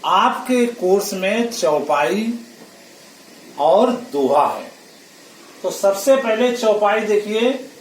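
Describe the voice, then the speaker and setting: A man's voice: high voice, animated, a little hiss or hum. A man teaching a classroom lesson, drawing out each syllable as he counts. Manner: slow, drawn-out syllables while counting. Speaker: school teacher. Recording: roomy, distant from the mic.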